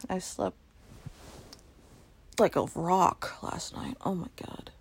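A woman's voice: fairly low pitch, level tone, slow, husky. A woman playing a sleepy, playful girlfriend in an intimate role-play, murmuring in a whiny, teasing way and sometimes whispering. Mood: drowsy, murmuring. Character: sleepy playful girlfriend waking late on her birthday.

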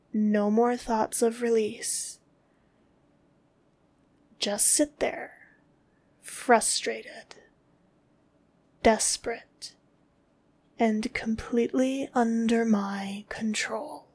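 Woman, very slow measured delivery, commanding, scornful, frequent breathy whispers, higher voice. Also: fairly even intonation, a little mellow. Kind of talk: scripted dominant roleplay audio.

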